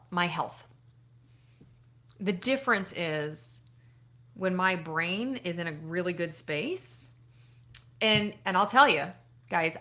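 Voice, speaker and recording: Answering questions from viewers on a live stream, this middle-aged woman from Buffalo, New York, a doctor, has a fairly low voice with a sharp tone. She keeps things casual, laughing a lot and occasionally swearing.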